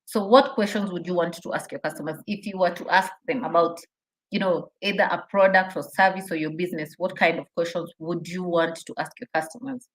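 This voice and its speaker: Casting: female webinar trainer, lowish voice, encouraging and interactive, prompts and repeats questions. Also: fairly even intonation, brisk, low-quality recording. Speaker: trainer leading an online business session. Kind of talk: interactive webinar teaching, reading out chat responses.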